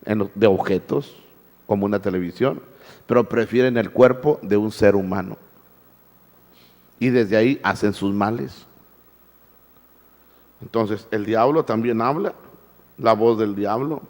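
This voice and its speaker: A man's voice: fairly low pitch, a little slow, pauses often, darkish tone, in a large hall. A male pastor preaching a sermon, firing rhetorical questions at the congregation and repeating his words. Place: church.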